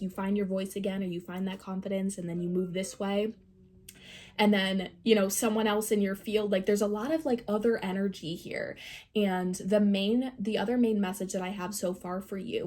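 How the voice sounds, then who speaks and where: A woman's voice: fairly low pitch, dark tone. A woman with a nasal voice from a recent cold, giving a casual, rambling tarot reading to camera, full of "like" and "um". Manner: rambling, filler-heavy, many "like"s. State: recovering from a cold. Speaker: tarot reader.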